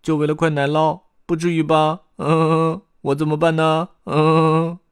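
A man voicing a greedy young boy, talking high and mumbly. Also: completely flat delivery, unhurried, smooth. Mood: sulky.

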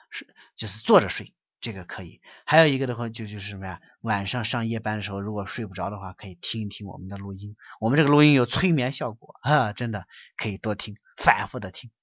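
A man's voice: on the low side, slightly rough, no room sound. Preachy scolding male lecturer, dull dry recording. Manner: preachy, scolding and emphatic, with many rhetorical questions. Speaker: online lecture teacher answering questions. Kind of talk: lecturing and answering listener questions.

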